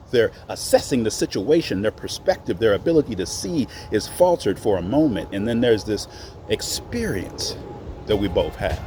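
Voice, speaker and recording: Pausing between phrases, an Oklahoma-born American host in middle age reflects aloud in a monologue, his delivery earnest, measured and emphatic. He has a lowish voice with a darkish tone.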